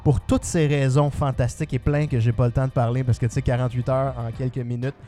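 A man's voice: mid-range voice, little pitch movement, quick pace, dark tone, soft background music. A man with a Quebec French accent, reviewing a video game in casual panel chat, enthusiastic and full of fillers.

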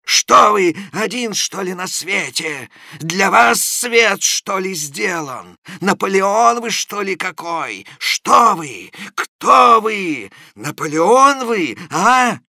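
An indignant lodger from a storybook shakes with rage and fires off hectoring questions, as a man puts him on. The delivery is slow, weighty and pitched up. It is recorded dry and close. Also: very animated, pushed and bright, no room sound, heavily acted. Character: indignant male lodger, trembling with rage, lecturing.

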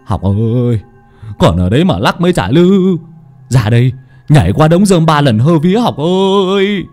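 A man voicing a bossy older village man who shouts commands and stammers in a hurry. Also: lowish voice, big pitch swings, normal speed, breathy edge, soft background music, voice pushed down. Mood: calling out.

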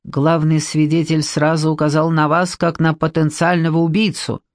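A woman's voice: low voice, level tone, moderate pace, no echo, clean studio sound, close to an everyday voice. A woman voicing a stern blonde female police investigator in an audiobook, cold and pressing as she accuses. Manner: cold, pressing, hissing at times.

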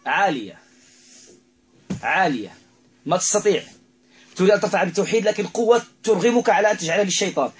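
A man's voice: high-pitched, rapid-fire, a little mellow, rough recording. A man acting as a ruqyah healer, commanding and repeating himself as he addresses a spirit in an exorcism session, full of religious phrases.

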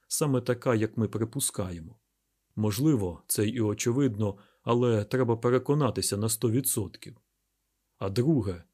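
A man playing a calm calculating husky mayor. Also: lowish voice.

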